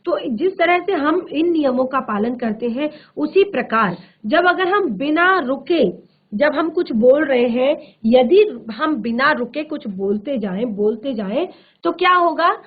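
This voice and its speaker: A woman teacher giving a classroom lecture, explaining slowly and repeating examples with many hesitations. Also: high voice, expressive, narrow, tinny audio. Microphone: studio virtual classroom mic.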